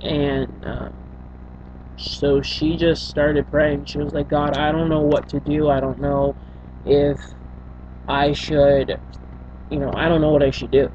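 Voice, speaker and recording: Her voice sits low, with a flat delivery and dark tone: a young woman vlogger from Senegal recounting her life story to a webcam in a small bedroom. She hesitates often, using many fillers and restarts. Captured by the built-in webcam mic, the audio is dull and lo-fi, with a faint hum.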